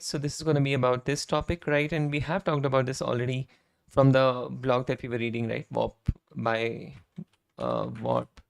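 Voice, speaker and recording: On a live coding stream, a man with a mid-range, hoarse voice that's almost worn out talks in a relaxed, conversational way. He keeps clearing his throat and adding "right?" tags, while keys clack and click behind him.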